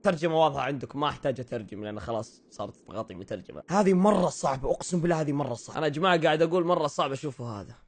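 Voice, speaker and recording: A young man giving excited let's-play commentary, shouting and then muttering. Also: fairly high pitch, rapid-fire, hardly any pauses, slightly rough. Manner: shouty and playful, swings between yelling and muttering. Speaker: gaming streamer. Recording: game music playing behind.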